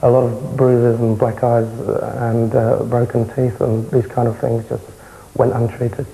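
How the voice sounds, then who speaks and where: A young man with a South London accent, answering interview questions in a matter-of-fact, halting way. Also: mid-range voice, completely flat delivery, vocal fry, warm tone, rough recording. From South London, England. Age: young adult. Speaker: interviewee, former far-right insider. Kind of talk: candid television interview. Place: indoor television interview, close camera.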